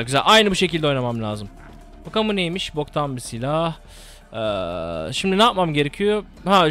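A young man with a slightly high voice gives casual, excitable gameplay commentary, swearing and rapidly repeating words.

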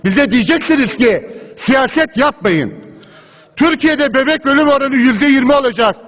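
A man's voice: extremely high pitch, animated, normal speed, fairly bright tone. A man in parliament gives an impassioned political speech at a rostrum microphone, hammering a repeated refrain. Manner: impassioned oratory with a repeated refrain, pressing on through interruptions. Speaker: member of parliament giving a speech. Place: parliament chamber, speaking from the rostrum. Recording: long hall reverb from a large chamber.

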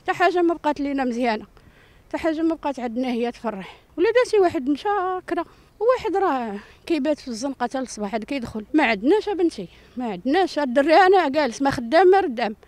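A woman's voice: sits high, animated, rapid-fire, darkish tone, no room sound. An older woman with a Moroccan accent, giving a distressed, repetitive plea in a street interview into a handheld microphone. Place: outdoor rubble-strewn yard. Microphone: handheld reporter microphone.

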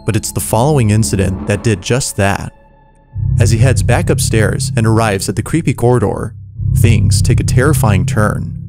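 Male narrator, low voice, measured suspenseful voice-over, faint music underneath. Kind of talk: scripted narration.

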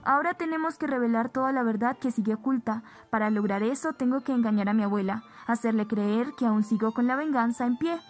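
A woman narrating a recap of a soap opera episode, reading the characters' lines flatly within her retelling. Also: a little high, fairly quick, few pauses. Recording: background music bed.

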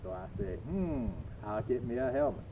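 An older man with a Cajun accent gives a folksy, humorous demonstration to camera, speaking deliberately in short phrases with drawn-out emphasis. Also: animated. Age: older, 60s-70s. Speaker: coach presenting a home video. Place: waterside backyard dock, outdoors. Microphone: camera a few metres away. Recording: tinny narrow-band outdoor audio, rumbling noise.

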